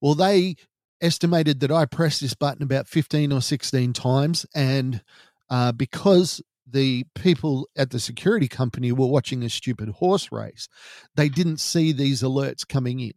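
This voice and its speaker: A middle-aged Australian man hosting a podcast, telling his own story gravely and deliberately, like a true crime narrator. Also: medium pitch, a little mellow, no echo, studio quality. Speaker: podcast host.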